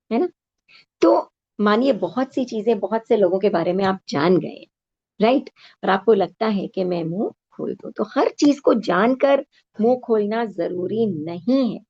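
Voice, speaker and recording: A woman's voice: a little high, a little mellow. A woman giving a spiritual talk, telling a story to make her point, often checking in with short tag questions and slipping in English phrases. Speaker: spiritual teacher. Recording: dull lo-fi recording.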